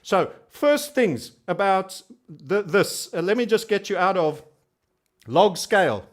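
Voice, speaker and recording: Pitched high and delivered slowly, this man's voice swings widely in pitch. He's a YouTube trading host running a laid-back online commentary, stressing things emphatically through repetition and cheeky, colourful wording.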